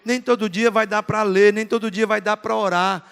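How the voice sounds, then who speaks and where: A middle-aged Brazilian pastor preaches with a high, ringing voice, his words trailing off into the long reverb of a large church hall. He is earnest and emphatic, repeating short phrases to drive his points home. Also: steady tone, moderate pace, vocal fry, fairly bright tone, clean tone. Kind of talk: sermon.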